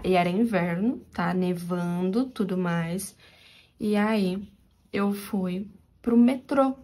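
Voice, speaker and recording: A young Brazilian woman with a São Paulo interior accent, telling viewers a personal story in a confiding, animated way while she crochets for her channel. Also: mid-range voice. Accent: São Paulo interior Brazilian Portuguese.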